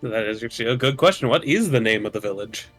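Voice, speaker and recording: A man playing a tabletop game, making dry, deadpan jokes and asking the game master questions. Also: medium pitch, fast talker, faint music behind. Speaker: player. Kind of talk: casual tabletop game chat.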